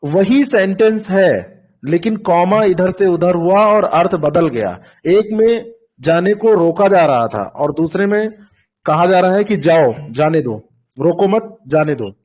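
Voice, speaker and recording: High-voiced man teaching a patient online class. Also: animated, measured pace, darkish tone. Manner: patient, explains with repeated examples. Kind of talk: online doubt-clearing class.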